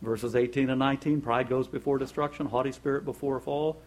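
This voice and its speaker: A man giving a conversational devotional Bible talk, reading scripture slowly and chatting in a folksy way with chuckles between points. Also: medium pitch, steady tone, a little mellow. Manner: reads scripture slowly and deliberately. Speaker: Bible teacher.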